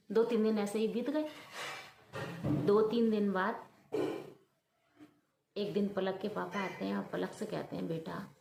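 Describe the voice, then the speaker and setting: A woman narrating a story in an expressive, sympathetic storytelling manner. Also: medium pitch, slow, creaky, pauses often, noisy background. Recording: roomy echo.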